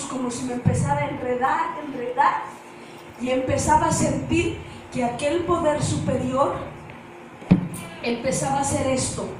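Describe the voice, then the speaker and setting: A woman preacher giving an impassioned testimony sermon, pleading and shouting in emotional outbursts. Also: sits high, noisy background. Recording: echoey hall, voice from far off.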